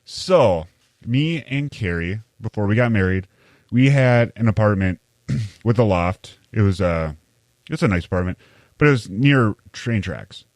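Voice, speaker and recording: A man hosting a podcast, telling a story in a loose, rambling way with fillers and the odd curse. His voice sits low, and the recording is close and dry. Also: animated, unhurried, no echo. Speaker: podcast host. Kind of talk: casual storytelling chat.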